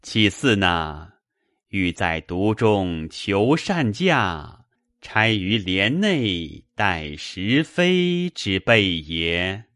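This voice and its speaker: A man voicing an elderly Taoist hermit, speaking in slow, measured riddles. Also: sits low, sing-song, fairly bright tone, no room sound, studio quality, full character voice. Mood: serene. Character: elderly male Taoist hermit, serene and cryptic.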